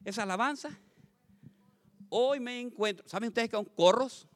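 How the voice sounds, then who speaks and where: A man preaching a lively sermon to his congregation as pastor, swinging from loud calls to quiet asides and asking the crowd questions. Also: very high-pitched, normal speed. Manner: addresses congregation as brothers, asks questions.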